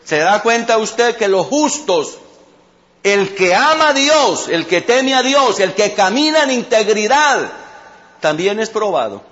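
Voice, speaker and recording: A man's voice: sits high, very animated, measured pace, fairly bright tone, lo-fi sound. A man pastor preaching a sermon. He tells a Bible story and keeps calling out to the congregation. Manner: storytelling with repeated call-outs to the congregation.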